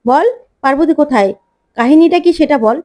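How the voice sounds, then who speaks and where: A woman's voice: sits high, fairly quick, darkish tone, natural voice. A woman voicing a blunt older brother figure who demands answers in a story recap. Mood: demanding.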